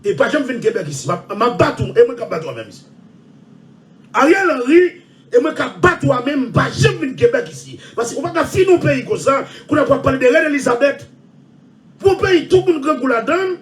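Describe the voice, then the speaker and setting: Haitian guy ranting on his show, super high voice, loud and repetitive, kinda far from the mic. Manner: loud, repetitive, often shouting and laughing. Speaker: show host. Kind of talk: ranting monologue.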